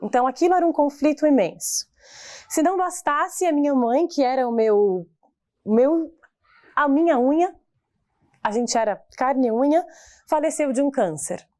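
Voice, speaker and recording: Mulher de voz aguda, contando sua história. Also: female voice, high voice, a little mellow. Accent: Brazilian Portuguese. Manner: heartfelt, reflective, pauses and restarts. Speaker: singer and voice teacher giving a talk. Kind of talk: personal storytelling talk.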